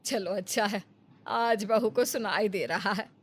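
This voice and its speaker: A woman voicing a loud, complaining older mother-in-law in a storybook tale, her speech shrill and scolding. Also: a little slow, breathy edge. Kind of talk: Hindi storybook voice acting.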